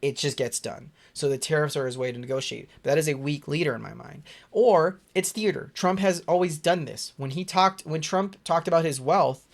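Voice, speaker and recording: A man's voice: fairly high pitch, moderate pace, creaky, hardly any pauses. A man casually reading aloud and commenting on the news as a streamer, rambling, stumbling over words, blunt and exasperated, with swearing.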